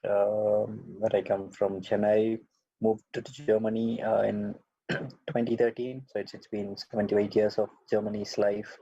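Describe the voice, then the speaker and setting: A man's voice: fairly low pitch, level tone, measured pace, vocal fry, mellow, slightly rough, no echo. A man from India giving a webinar talk over a video call, hesitant with many fillers and restarts. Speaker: webinar speaker. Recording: dull lo-fi video call audio.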